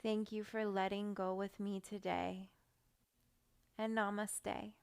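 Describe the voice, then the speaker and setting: A woman guiding a meditation in a soft, soothing voice, giving calm, gentle instructions with long pauses. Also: medium pitch, creaky, clear, resonant tone. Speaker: meditation guide. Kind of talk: guided meditation.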